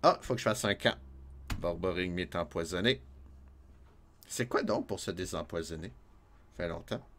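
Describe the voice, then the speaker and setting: Streaming a retro game, this Québécois man keeps up casual let's-play chatter, cracking jokes, laughing a lot, and reading viewers' messages aloud. His voice sits low yet sounds fairly bright and expressive, moving at a moderate pace with long pauses. There's slight background noise.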